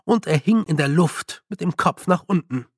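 A man narrating an audiobook in a measured, deliberate way. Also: a little high, animated, husky, no room sound, clean studio sound. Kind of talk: scripted narration.

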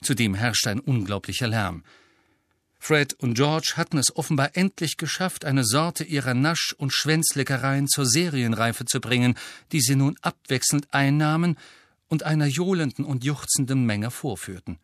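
Brief: male audiobook narrator, mid pitch, even delivery, dry booth sound. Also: no echo. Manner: even, measured reading. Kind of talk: scripted narration.

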